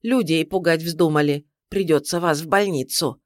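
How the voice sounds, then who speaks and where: A man's voice: fairly high pitch, normal speed, no room sound, clean studio sound, lightly acted. A man reading aloud, voicing a fussy old-fashioned doctor who scolds his patient with mock exasperation. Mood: scolding.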